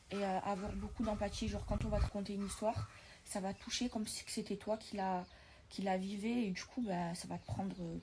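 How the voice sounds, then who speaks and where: A young French woman talking casually to her viewers from bed, often in a hushed voice. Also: mid-range voice, a little hiss or hum. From France. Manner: chatty, hushed at night, calls viewers "les filles". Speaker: vlogger. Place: bedroom, in bed.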